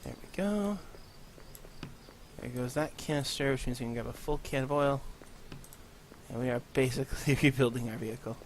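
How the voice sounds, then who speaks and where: Speaking at a moderate pace with long pauses, a mid-range-voiced gaming channel host chats casually through let's play commentary, rambling and self-mocking. He's a touch congested from allergies, in a room lacking acoustic paneling, with a little hiss or hum.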